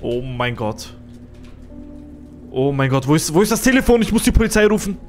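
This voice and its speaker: A male streamer giving excitable, jumpy commentary on a horror game, swearing when scared. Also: a little high, moderate pace, soft background music.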